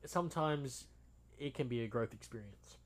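A young man co-hosting a podcast, chatting casually in a relaxed, rambling way with lots of fillers. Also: mid-range voice, normal speed. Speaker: podcast co-host. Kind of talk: casual chat.

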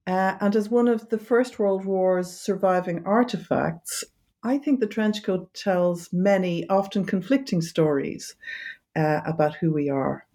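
A woman from Ireland, an academic author, answering interview questions thoughtfully with many small fillers and pauses. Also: on the low side, dark tone. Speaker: author and design history academic.

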